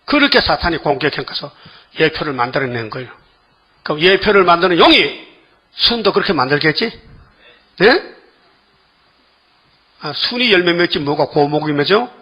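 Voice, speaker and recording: An older male preacher with a husky, slightly raised voice gives a sermon. He keeps pressing the congregation with quick rhetorical questions. The recording sounds dull and lo-fi. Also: fairly high pitch, very animated.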